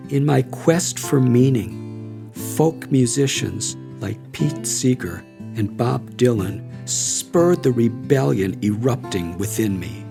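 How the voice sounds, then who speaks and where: A man reading a memoir aloud as an audiobook narrator, measured and reflective. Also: mid-range voice, animated, creaky. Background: soft guitar music.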